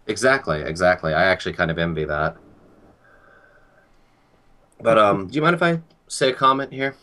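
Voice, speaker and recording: Very low-voiced calm young man. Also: normal speed. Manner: calm, earnest, reflective. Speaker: guest. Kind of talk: casual chat.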